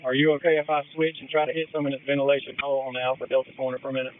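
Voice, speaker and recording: A man's voice: medium pitch, little pitch movement, very fast, a little hiss or hum. A male firefighter giving terse emergency instructions over a two-way radio. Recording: thin narrow-band radio transmission.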